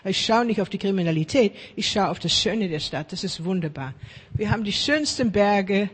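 A woman preaching a sermon in lively, chatty talk, often checking in with her listeners, with slightly broken grammar. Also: mid-range voice, moderate pace, husky, long reverb tail.

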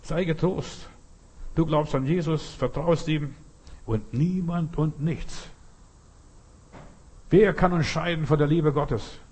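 A man preaching a sermon with a slightly husky voice. He talks directly to his listener, earnest and plain, hammering points home in short repeated phrases. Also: on the high side, takes it slowly, pauses often, darkish tone.

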